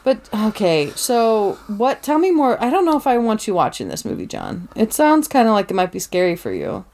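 A woman's voice: medium pitch, wildly swooping pitch, normal speed, a little mellow. A woman co-hosting a casual podcast, teasing and playful, swearing freely. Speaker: podcast co-host. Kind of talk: casual chat.

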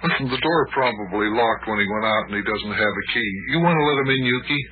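A man's voice: fairly low pitch, quick pace, phone-quality sound, slight background noise, natural voice. A man narrating and playing a genial grown-up in an old children's radio show, reassuring and storytelling. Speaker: narrator and host.

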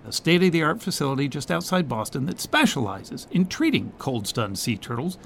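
A man's voice: on the high side, sing-song, normal speed, creaky, a bit bright, a little hiss or hum. A man narrating a scripted television news feature as a correspondent.

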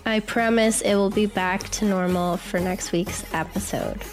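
A woman with a hoarse, sick voice hosting a solo podcast, explaining in an earnest tone. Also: medium pitch, steady tone, unhurried, soft background music. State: hoarse from a cold. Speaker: podcast host.

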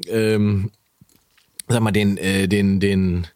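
A man's voice: on the low side, flat delivery, extremely slow, darkish tone, slight background noise. A man co-hosting a live comedy podcast, telling anecdotes with many hesitant fillers. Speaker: podcast co-host.

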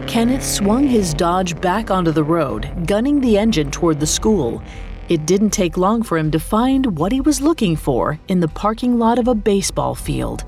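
A woman's voice: medium pitch, very animated, normal speed, darkish tone, soft background music. A woman narrating a scripted true-crime story in a dramatic, storytelling manner. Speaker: podcast narrator.

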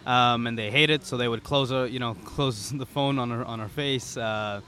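A young man, a startup founder being interviewed on a podcast, talking in a relaxed way with many "you know"s. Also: medium pitch, normal speed, slight background noise. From Serbia, raised in the UAE. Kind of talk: casual interview. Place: pop-up studio at a conference.

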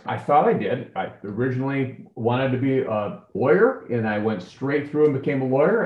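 A man's voice: fairly high pitch, roomy sound, dull audio. A man hosting an interview, encouraging and asking follow-up questions. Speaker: interview host. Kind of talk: conversational interview.

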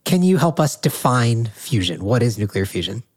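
A man's voice: medium pitch, sing-song, moderate pace, husky. A man hosting a podcast interview, talking articulately with a nasal voice from a cold. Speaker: podcast host.

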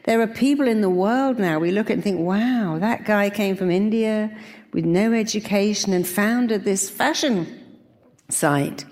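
A woman's voice: mid-range voice, measured pace, a little mellow. Emphatic woman motivational speaker in a reverberant hall. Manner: emphatic, commanding, repetitive short phrases. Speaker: motivational speaker leading affirmations. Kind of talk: motivational seminar speech with call-and-repeat affirmations. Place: large hall with an audience.

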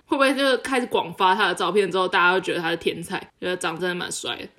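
A young woman, co-hosting a casual podcast and telling a story in a lively way, laughing often. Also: on the low side, fast talker. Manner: animated, laughs often while telling stories. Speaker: podcast co-host.

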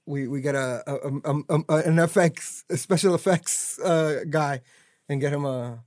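A man's voice: a little high, normal speed, no echo, clean studio sound. A man hosting a casual podcast chat, loose and joking, often stumbling and restarting his words. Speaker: podcast host.

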